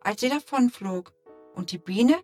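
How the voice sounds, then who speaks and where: A woman narrating a children's story in a calm, gentle, expressive way. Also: medium pitch, unhurried. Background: soft music.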